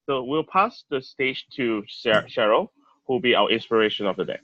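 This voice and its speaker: A man's voice: mid-range voice, lively intonation, moderate pace, no room sound. A man acting as president of an online club meeting, politely introducing each speaker over a video call. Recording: dull, dry video-call audio.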